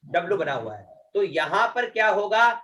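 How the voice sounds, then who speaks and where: This online Vedic recitation teacher has a high voice with big pitch swings and a sharp tone. Slow and patient, he repeats words and prolongs chanted syllables, stopping again and again with filler phrases to check in on students.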